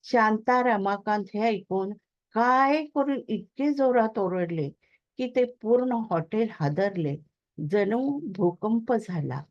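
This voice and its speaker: A woman reading a story aloud in a measured, plain way. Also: mid-range voice, lo-fi sound.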